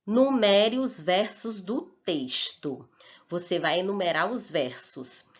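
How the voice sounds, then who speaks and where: Speaking at a medium pitch, a patient woman teacher takes children through a worksheet slowly and deliberately, regularly asking "ok?" The recording is dull and lo-fi.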